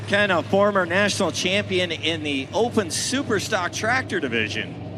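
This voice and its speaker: A man with a high voice works as a tractor pull announcer. He adds conversational color commentary and background details. Very loud engine noise from the outdoor track surrounds his voice. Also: animated, normal speed.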